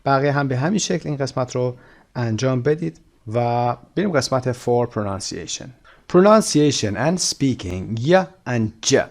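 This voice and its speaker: Man teaching English in Persian, slowly. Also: mid-range voice, expressive. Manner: explains in Persian, reads English instructions slowly. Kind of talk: recorded textbook lesson.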